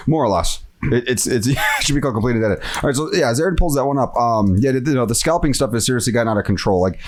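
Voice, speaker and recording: A man's voice: mid-range voice, animated, rapid-fire, noisy background. A man hosting a podcast, talking in casual chat and ranting with exasperated energy. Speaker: podcast host.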